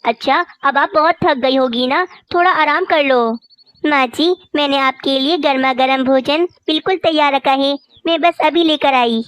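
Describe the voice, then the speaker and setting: A woman voicing a lazy, bossy young female crow wife in a cartoon, sharp-tongued and scornful. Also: high-pitched, moderate pace. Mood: sweet. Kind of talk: cartoon voice acting.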